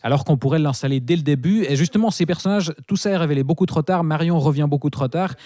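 Measured man explaining a film. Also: on the high side, dark tone, no echo. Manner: measured, explanatory, hesitant fillers. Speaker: film critic co-host. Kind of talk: casual film discussion.

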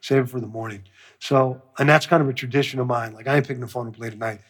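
Husky-voiced man telling a story, swearing. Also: mid-range voice, fast talker. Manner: profane, animated storyteller who acts out quotes. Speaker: music producer. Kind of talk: storytelling interview.

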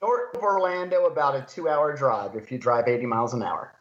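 A man's voice: medium pitch, brisk. A man from Florida speaking as an interview guest, explaining his academic work in an easygoing, casual way. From Florida, United States. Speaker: interview guest, university professor. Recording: dull, roomy remote sound.

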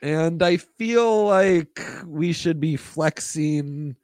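A man's voice: fairly high pitch, extremely slow, darkish tone, no room sound, studio quality. A man co-hosting a sports show in casual, wry chat, often repeating phrases for emphasis. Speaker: sports podcast co-host.

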